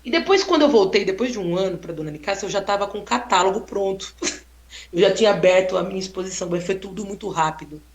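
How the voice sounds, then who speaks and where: A woman photographer telling a story in a casual, expressive way, exclaiming often and tagging sentences with "né?". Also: medium pitch, fast. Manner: expressive, exclaiming, frequent "né?" tags. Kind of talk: casual storytelling on a live stream. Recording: roomy echo.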